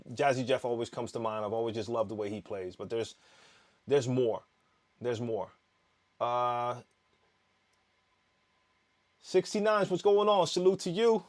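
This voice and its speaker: This man from the Netherlands, whose first language is Dutch, is a DJ hosting a laid-back live Q&A stream. His voice is a typical middle pitch for a man, and he rambles easily through viewer comments, full of "um"s, false starts and restarts.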